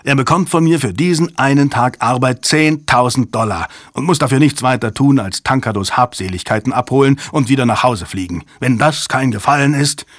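A weary middle-aged commander justifies himself in firm, clipped sentences, played by a man close to his own voice. The tone is husky and the sound dry and close. It is an audiobook character part. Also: mid-range voice, brisk, few pauses, no echo, close to an everyday voice. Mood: justifying. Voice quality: firm, justifying, slightly impatient.

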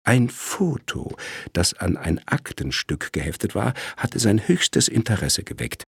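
A male narrator reading a crime story with dramatic, measured delivery. His voice is very low and husky. The recording is dry and close, with no room sound. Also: very animated, dry recording.

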